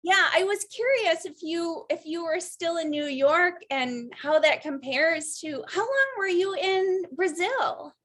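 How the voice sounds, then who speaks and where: A woman's voice: extremely high pitch, lively intonation, unhurried, hardly any pauses, fairly bright tone. A young adult woman hosting a podcast interview, bubbly and gushing with enthusiasm. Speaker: podcast host. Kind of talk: casual interview chat.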